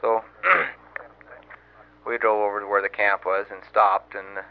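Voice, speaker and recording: A young man, a Marine sergeant, telling a long story in a rambling, halting way on an old wire recording. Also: on the low side, creaky. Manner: rambling and halting, many fillers and restarts. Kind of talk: casual spoken letter, storytelling. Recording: muffled old wire recording with faint hiss.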